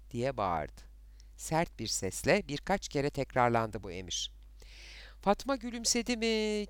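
Guy reading a novel aloud, lively dramatic delivery, smooth resonant voice, dry close sound. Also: a little high, dry recording. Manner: dramatic, expressive storytelling. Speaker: narrator. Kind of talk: scripted narration of a novel.

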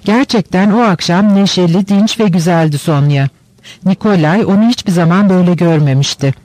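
A man narrating a novel for an audiobook in a steady, unhurried way. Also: high voice, no room sound. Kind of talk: audiobook reading.

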